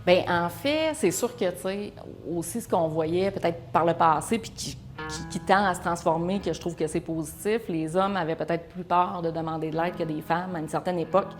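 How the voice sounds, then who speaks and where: A woman's voice: on the low side, moderate pace, faint music behind. A woman who works with men seeking help, answering in a thoughtful, slightly hesitant way. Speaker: support worker for men. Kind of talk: interview answers.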